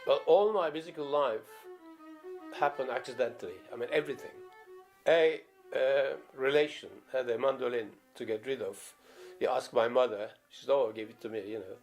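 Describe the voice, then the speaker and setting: An older man with a Turkish accent and a gravelly, creaky voice reminisces at an everyday pitch. He rambles through his stories in a documentary interview, full of fillers and restarts. Faint music plays softly behind him. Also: moderate pace. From Turkey. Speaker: professional viola player.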